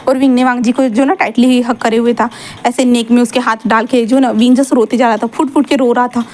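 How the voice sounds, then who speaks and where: A woman's voice: fairly high pitch, fairly even intonation, fairly quick, a little mellow. A woman telling a fan-fiction story in a casual, chatty way, full of fillers and English words mixed in.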